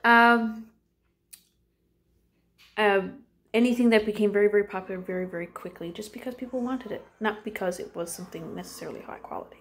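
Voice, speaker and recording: A woman teacher records an informal lesson from home in a mid-range voice. Her talk is loose and conversational, she quizzes her students, and she often pauses on "um" and "uh."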